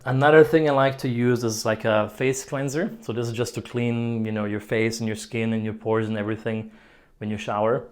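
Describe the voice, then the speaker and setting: A man's voice: mid-range voice, steady tone, a little fast, clear, resonant tone. A young man from Croatia, vlogging a casual tour of his apartment, joking and chuckling often. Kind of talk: casual chat. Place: apartment, indoors.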